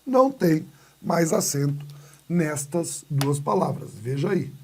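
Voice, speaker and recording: In this recorded video lesson, a Brazilian Portuguese-accented man teaches grammar slowly, with a fairly high, sing-song delivery and a slight hiss or hum in the audio. He quizzes himself, supplies the answers, and performs small skits amid playful classroom asides.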